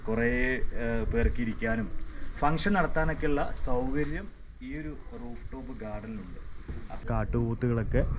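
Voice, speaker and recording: Male travel vlogger, Malayali accent, code-mixing English into Malayalam, casual presenting, recorded on location with echo and clear noise. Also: medium pitch, dull audio. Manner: Malayalam mixed with many English words. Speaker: travel vlogger reviewing a resort. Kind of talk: casual vlog narration to viewers. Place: on location around a resort, rooms and rooftop. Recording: echoey, clearly noisy location sound.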